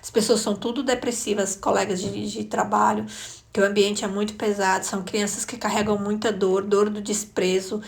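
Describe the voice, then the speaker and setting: A woman in her thirties telling a lively personal testimony to her listeners, often calling out to them directly. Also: medium pitch, normal speed, creaky. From Brazil. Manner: animated storytelling, often addresses listeners as "gente". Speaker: intercessor.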